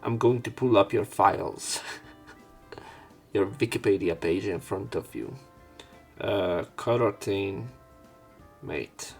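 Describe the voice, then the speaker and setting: Over game music, a man hosts a let's play, reading lines aloud and tossing in informal, wry asides. His gravelly voice sits on the low side, and he speaks slowly with frequent pauses.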